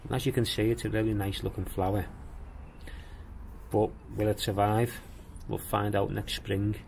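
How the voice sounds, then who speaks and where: Low-voiced man touring his garden. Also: little pitch movement, vocal fry, a little mellow, slight background noise. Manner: plain-spoken, unhurried, explains as he walks. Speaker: gardening vlogger. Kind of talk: casual garden tour. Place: outdoors in a walled garden.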